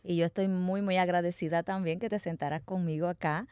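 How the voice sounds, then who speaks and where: A woman's voice: fairly low pitch, steady tone, fairly quick, darkish tone, clear, resonant tone, no echo. Woman host of an interview podcast, dry studio sound, polished and chatty. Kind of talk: hosting an interview.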